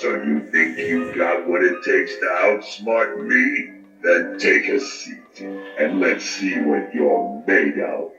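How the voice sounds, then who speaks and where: A man playing a menacing undead skeleton card dealer as a talking Halloween yard decoration, theatrical, taunting and deliberate. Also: animated, distant mic. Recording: dull boomy echoing toy speaker, music.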